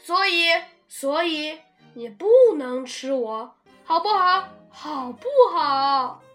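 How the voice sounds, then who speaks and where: A woman's voice: sits high, expressive, slow, sharp tone, soft background music, voice pushed up, heavily acted. A woman voicing a timid, tearful baby spinosaurus boy in a picture-book read-aloud, childlike and pleading.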